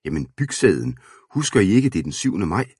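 Storybook young peasant man, urgent and pleading, read by a man, husky, dry sound. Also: low-pitched, big pitch swings, darkish tone, dry recording, pitched above the performer's own voice, exaggerated voice. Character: young male peasant farmer, eager and hot-headed.

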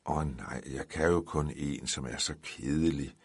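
A man voicing a dry, deadpan uncle who speaks with mock gravity. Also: rumbling low, vocal fry, husky, heavily acted.

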